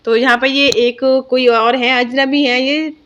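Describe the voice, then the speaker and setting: A woman's voice: high voice, fairly even intonation, measured pace, a bit bright, muffled recording. A young woman vlogger, narrating her day in a chatty, homely way with lots of fillers. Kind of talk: casual vlog voice-over narration.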